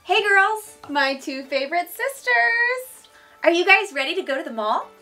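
Woman playing a cheery, bright princess. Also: very high-pitched, big pitch swings, a little slow, soft background music, exaggerated voice. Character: a cheerful princess shopping with friends. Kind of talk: live-action play-acting.

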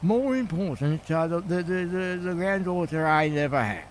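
A man's voice: on the high side, animated, normal speed, a little hiss or hum, lightly acted. A man with a younger voice faking an old British grandfather, rambling and stammering through tall tales in improvised role-play. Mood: confused.

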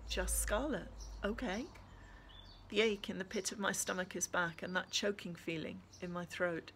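A woman's voice: on the low side, fairly even intonation, a little fast, fairly bright tone, slight background noise. A woman author reading her own story aloud, then chatting to listeners in a friendly way with fillers. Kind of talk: audiobook reading and casual sign-off.

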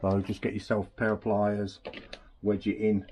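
With a bit of hiss or hum in the background, a scooter mechanic whose voice sits on the low side speaks at normal speed. He casually talks through a rebuild as he works at his indoor workbench, hands occupied, from a spot beside the camera resting on the bench.

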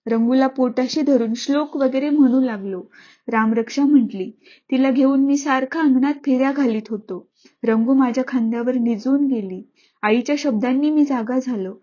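Woman, storybook narrator, earnest, reflective, high voice, slightly dull recording. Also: mellow.

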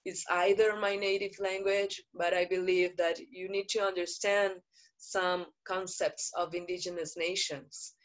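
A slow-speaking, earnest activist from Brazil with a voice on the low side gives a panel talk by video call indoors. Her first language is Portuguese, and her delivery is measured, dotted with frequent pauses and fillers.

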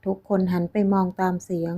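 Mellow-voiced woman reading a story. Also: brisk. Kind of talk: scripted story narration.

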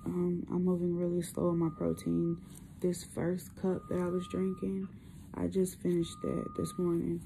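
Weak, hoarse young woman after surgery, gravelly. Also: fairly low pitch. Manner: subdued, halting, effortful. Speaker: vlogger. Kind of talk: casual chat to camera. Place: small hospital room, indoors. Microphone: phone at arm's length. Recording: noisy hospital room phone recording.

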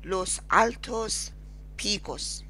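Speaking in a bright, forward, mid-range voice with a Persian accent, a woman who teaches Spanish runs repeat-after-me drills in a slow screen-recorded lesson. She goes word by word at a careful, deliberate pace, leaving long gaps, while her desktop mic adds a faint hum.

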